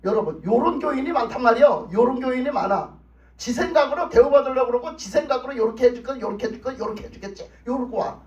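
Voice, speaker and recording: Male pastor, emphatic revival sermon, high lively voice, echoey church, distant dull mic. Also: quick pace. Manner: emphatic, repetitive, colloquial preaching. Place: church sanctuary.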